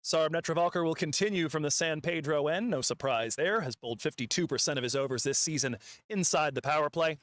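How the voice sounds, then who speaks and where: A man doing play-by-play on a live cricket match, calling each ball and slipping in statistics between frequent fillers. His voice sits a little high, and the sound is dry and close to the mic. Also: quick pace, fairly bright tone, dry recording. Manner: calls the action, quotes stats, frequent fillers. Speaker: cricket commentator.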